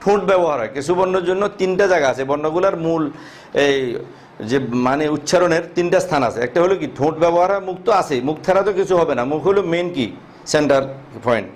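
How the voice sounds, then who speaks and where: A Quran teacher explains how to pronounce Arabic letters, posing questions and answering them himself while drawing out each letter's sound. His voice is a little high, and he speaks at a quick pace.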